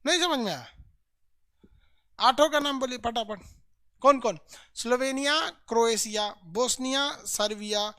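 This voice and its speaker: A man's voice: very high-pitched, bright, forceful tone, clean tone, no echo. A man teaching an online lesson, chanting place names over and over and joking with students in a folksy way. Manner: chants place names in rapid repetition drills. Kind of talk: energetic recorded lesson.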